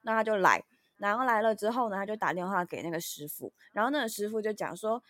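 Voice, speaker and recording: A woman's voice: medium pitch, quick pace, no room sound. A woman co-host, telling an annoyed story in casual chat. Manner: animated, frustrated storytelling. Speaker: podcast co-host.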